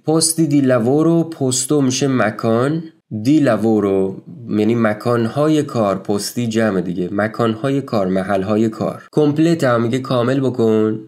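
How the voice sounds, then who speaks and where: Male language tutor, low register, relaxed explanatory delivery that breaks things down step by step. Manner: explains step by step, translating each word; conversational, with rhetorical questions. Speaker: Italian language teacher. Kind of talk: casual video lesson.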